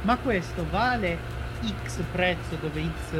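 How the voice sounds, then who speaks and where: A man's voice: high-pitched, expressive, takes it slowly, background noise. An Italian man giving casual commentary as part of a panel. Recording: prominent music behind the voice.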